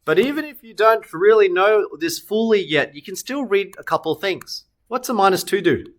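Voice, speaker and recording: A man with a high, animated voice teaches a recorded maths lesson at a moderate pace. He guides students through the steps, asking and then answering his own questions, and corrects his sketches on screen as he works.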